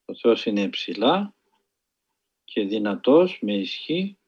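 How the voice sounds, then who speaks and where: A man telling a spiritual story in a sermon style, earnest and measured, with dramatic pauses. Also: on the low side, very animated, darkish tone, breathy edge, highs cut off. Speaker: preacher.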